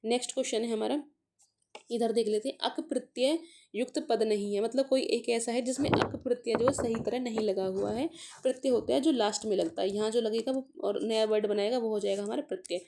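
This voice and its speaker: A woman teaching a casual grammar lesson for exam preparation, working through paper questions and sounding out letters and words slowly to explain them. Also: a little high, steady tone, gravelly, dark tone. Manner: mixes English words into explanations.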